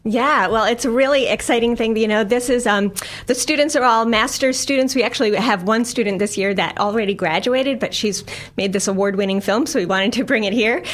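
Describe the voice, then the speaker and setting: Speaking at a medium pitch, a science filmmaker from the United States, a middle-aged woman, talks eagerly as a radio interview guest, her speech sprinkled with laughter and plenty of fillers.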